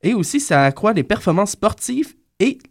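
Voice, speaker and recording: A man's voice: high voice, big pitch swings, moderate pace, creaky. A man with a Quebec French accent giving a radio food column, hesitating and tripping over long words. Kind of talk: radio banter.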